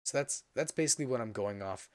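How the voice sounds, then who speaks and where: A young man with a hoarse voice that is giving out from being sick, giving a casual, rambling update as a gaming channel host. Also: medium pitch, expressive, quick pace, a little mellow, no echo. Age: young adult. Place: indoor room at a computer.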